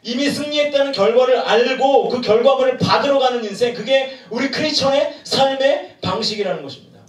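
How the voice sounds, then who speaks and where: A male pastor preaching a sermon at a retreat, animated and joking, throwing questions to the crowd. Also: very high voice, fairly quick. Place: large room at a retreat. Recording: echoey room from far off.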